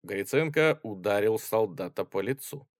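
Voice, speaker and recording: A male narrator reading a classic novel aloud. His pitch moves lively through each sentence, and the sound is dry and close. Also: normal speed, no room sound. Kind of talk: audiobook narration.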